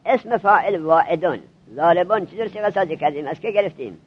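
A man teaching a classroom grammar lesson to seminary students, drilling them with quick questions. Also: high voice, husky, dull audio.

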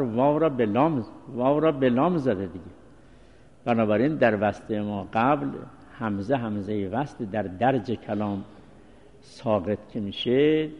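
A man giving a seminary lecture on Islamic law, explaining in measured, short phrases with pauses. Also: medium pitch, a little mellow. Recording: dull lo-fi recording with long reverb.

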